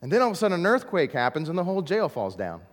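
A male pastor delivers a dramatic sermon, his voice leaping up and down in pitch. He moves between near-whispers and forceful emphasis. His voice sits a little high, and long reverb from the hall trails after his words. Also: huge pitch swings, rapid-fire. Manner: dramatic, swings from hushed to emphatic.

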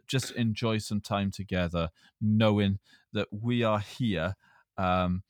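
A man with a Welsh accent hosting a casual podcast chat in a hesitant, halting way. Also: on the low side, fairly even intonation, dry recording, clean studio sound. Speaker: podcast host.

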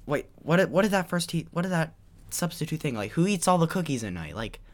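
A man's voice: fairly high pitch, sing-song, fairly quick. A young man co-hosting a comedy podcast, talking in a playful, teasing way. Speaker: podcast co-host. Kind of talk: casual comedy chat.

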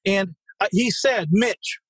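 Husky, high-voiced blunt male guest. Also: expressive, brisk, fairly bright tone, no echo, rough recording. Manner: blunt and salty, with mild swearing. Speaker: podcast guest, real estate investor. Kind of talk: casual interview storytelling.

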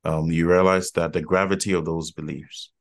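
Man from Ghana, podcast guest, very deep voice, thoughtful, repeats himself while thinking. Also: little pitch movement, normal speed. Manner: thoughtful, repeats words as he builds his point. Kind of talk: casual podcast conversation.

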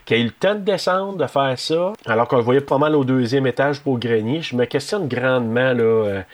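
A man chats casually as a podcast co-host, walking through a horror movie plot. He rambles with plenty of fillers and restarts. His voice sits at an ordinary middle pitch. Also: a little fast. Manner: rambling recaps with many fillers. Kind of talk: casual chat reviewing a film.

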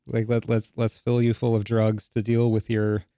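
A man with a gravelly, dark voice talks hesitantly, pausing and starting over as he searches for words. The sound is close and dry. He is co-hosting a casual podcast. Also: on the low side, monotone, no echo. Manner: hesitant, halting, with frequent restarts. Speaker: podcast co-host. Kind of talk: casual chat.

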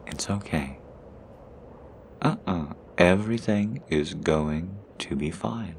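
A friendly stranger, played by a man, talks warmly and reassuringly in a very deep, slightly gravelly voice. He is chatty and cheerful, like a helpful passerby, in an audio roleplay. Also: takes it slowly, a little hiss or hum.

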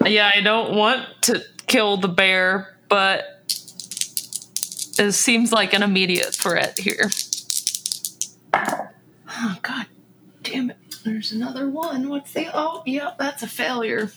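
A woman's voice: medium pitch, takes it slowly, pauses often, bright, forceful tone, slight background noise, low-quality recording. A woman chatting casually as a player in a tabletop game.

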